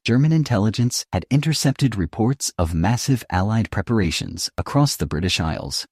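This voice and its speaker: A man reading a scripted history documentary narration in a measured, dramatic storytelling manner. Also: on the low side, a little mellow, husky, no echo, studio quality.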